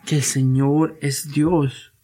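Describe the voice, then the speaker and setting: Man, pastor, sermon, earnest, emphatic rhetorical questions, slightly high-pitched. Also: level tone, slow, dark tone. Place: church.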